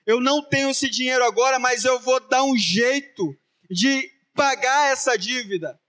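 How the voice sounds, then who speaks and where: Man doing a high-pitched begging servant. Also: moderate pace, bright, forceful tone. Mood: pleading. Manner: pleading. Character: desperate indebted male servant pleading.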